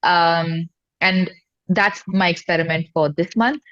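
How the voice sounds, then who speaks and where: Appearing as a guest in a relaxed interview, a singer-songwriter with an Indian accent chats informally and effusively. She has a lowish voice and speaks at a slow pace, and the recording's highs are cut off.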